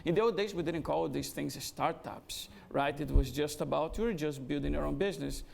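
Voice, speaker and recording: A middle-aged Brazilian executive with a Brazilian Portuguese accent appears as a guest at a startup event, speaking before an audience in a conversational fireside interview. His voice is gravelly, fairly high and fairly quick, with frequent hesitations, and the recording has a little hiss or hum.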